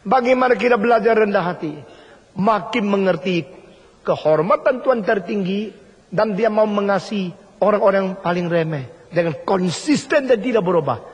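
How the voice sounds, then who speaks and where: Husky preacher in a reverberant hall. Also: male voice, sits high, expressive, moderate pace, dull audio. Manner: emphatic, repeats phrases, mimics others. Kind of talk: sermon.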